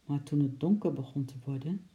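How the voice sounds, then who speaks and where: A woman narrating a children's audiobook in a lively, expressive way, adding playful sound effects. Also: sits low, a little fast. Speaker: storyteller.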